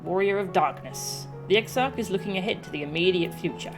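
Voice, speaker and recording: A woman game streamer speaks a little fast in a fairly low voice as she casually chats with viewers. Game music can be heard behind her.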